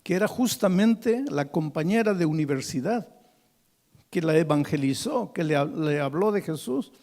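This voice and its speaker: A pastor telling a story in a sermon, swinging dramatically between hushed and forceful delivery in church. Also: male voice, on the high side, expressive, moderate pace.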